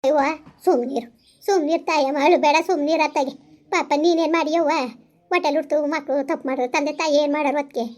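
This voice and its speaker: A woman playing a village woman who gently hushes and comforts a crying mother in a village comedy skit. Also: sits high, steady tone, fast talker, natural voice. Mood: soothing. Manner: soothing, gentle, repetitive hushing.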